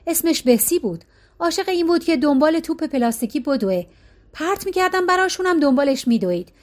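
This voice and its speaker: A woman's voice: high voice, animated, voice pushed up. A woman voicing a stubborn, talkative old man who tells rambling, wry stories.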